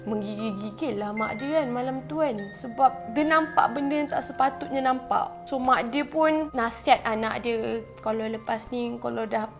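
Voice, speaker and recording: Chatty Malaysian woman with a high voice. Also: moderate pace, hardly any pauses, music in the background. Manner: chatty, addresses viewers directly with frequent asides. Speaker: YouTuber telling ghost stories. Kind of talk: casual horror storytelling.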